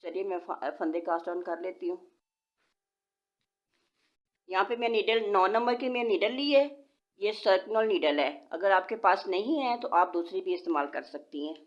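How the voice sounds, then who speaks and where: In a dull, lo-fi home recording, a knitting tutorial host talks at normal speed in an animated, mid-range voice. She patiently guides viewers step by step and counts stitches out loud, her voice slightly changed by a sore throat.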